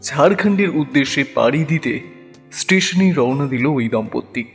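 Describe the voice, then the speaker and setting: Brief: male drama narrator, measured delivery, reverberant with faint music. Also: medium pitch, animated. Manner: measured storytelling.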